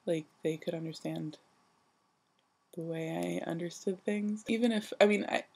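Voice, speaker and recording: A young adult woman who just woke up, talking in a sleepy, casual vlog style, rambling haltingly and self-deprecatingly with a husky, creaky voice. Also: fairly low pitch, steady tone, darkish tone. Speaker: vlogger. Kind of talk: casual personal vlog monologue.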